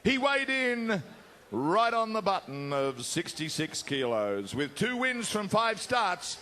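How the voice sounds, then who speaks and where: A man's voice: high voice, sing-song, slow, sharp tone. A man working as a boxing ring announcer, projecting and stretching out names. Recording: faint background noise, live event ambience.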